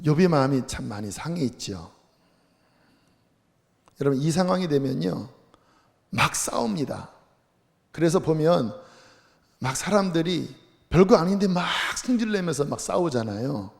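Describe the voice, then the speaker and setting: A man's voice: on the high side, very animated, a little slow, creaky, pauses often, darkish tone, long reverb tail. A man preaching a sermon as pastor, impassioned and emotional, in a church sanctuary. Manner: impassioned, voicing anguished outbursts.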